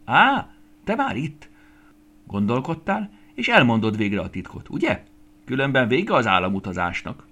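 A man's voice: medium pitch, sing-song, a bit bright. A man voicing a proud female evening star who hosts a grand ball in a storybook, speaking with command. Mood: impatient. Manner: commanding, stern.

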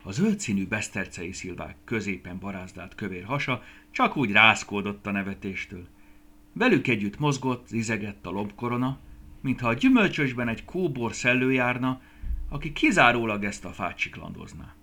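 A man narrating a children's story in an expressive, lilting reading voice. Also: on the low side.

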